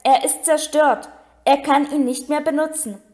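A woman reading aloud as an earnest, insistent young boy wizard, a touch higher than her narration. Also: fairly even intonation, moderate pace, a little mellow, close to an everyday voice.

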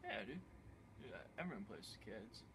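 A young man with a fairly low, slightly bright, sing-song voice plays a boastful, clueless slacker, smugly rambling through a tour of his cluttered basement at normal speed. He's laid-back and proud, repeating "wicked convenient" again and again. A handheld phone camera held by the other man picks up a little hiss or hum.

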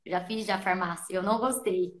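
A woman's voice: fairly low pitch, fairly even intonation, normal speed. A woman guest on a podcast, earnestly telling her own story in a casual interview and replaying her past thoughts as quotes. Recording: roomy echo.

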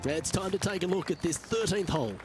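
A man playing a measured, approving TV golf commentator, giving short play-by-play remarks in a video game. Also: high-pitched, lightly acted. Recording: game music and crowd ambience behind. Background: music, crowd, outdoor course ambience.

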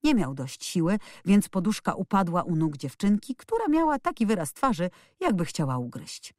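A woman narrating an audiobook in an expressive, lively storytelling manner. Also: fairly low pitch, moderate pace, dry recording, clean studio sound. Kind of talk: scripted narration.

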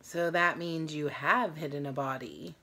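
Hosting a challenge vlog from a small room in her home, a weary woman in her thirties chats casually to the camera. Her low, unhurried voice has vocal fry and sounds pushed and bright.

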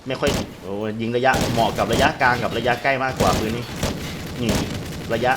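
A man talks through a shooter game in a steady mid-range voice, throwing out excited, slangy reactions as he plays. Game gunfire and explosions roar clearly behind his voice throughout. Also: medium pitch, fairly quick, very noisy. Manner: excitable, loose slangy exclamations. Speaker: gamer translating a game into Thai. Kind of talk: live gameplay commentary. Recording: voice over loud game gunfire.

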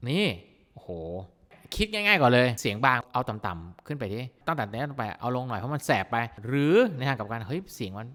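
A man teaching vocal mixing in a casual, excitable way, breaking into amazed exclamations as he demonstrates a plugin. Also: medium pitch, a little fast, long reverb tail. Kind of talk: plugin tutorial explanation.

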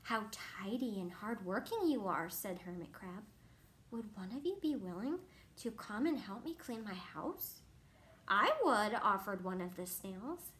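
A young woman reading a picture book aloud to a child, animated and pausing to ask questions. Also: mid-range voice. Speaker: reader to a child.

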